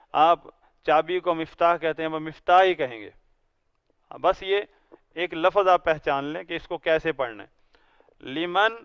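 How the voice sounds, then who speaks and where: A man with a voice on the high side teaches an Arabic classroom grammar lesson, patiently explaining each word and having students read aloud. His tone is clean with no echo, though the recording sounds lo-fi.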